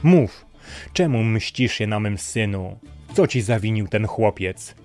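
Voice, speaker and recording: A wrathful storybook king threatens and demands answers, as a narrator puts him on. The voice is stern and forceful, rising sharply when he commands. Soft music plays underneath. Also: fairly low pitch, animated, takes it slowly. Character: angry old king, commanding.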